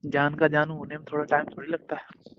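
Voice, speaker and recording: A man's voice: fairly high pitch, completely flat delivery, a little fast, slight background noise. A man on a casual romantic phone call, coaxing and playful as he keeps insisting. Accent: Hindustani. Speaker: boyfriend on a call. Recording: muffled phone call recording.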